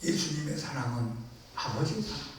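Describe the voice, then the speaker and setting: A man's voice: a little high, big pitch swings, moderate pace, slight background noise. A man preaching a sermon as pastor, earnest and fervent. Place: church sanctuary. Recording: very echoey church hall, mic at a distance.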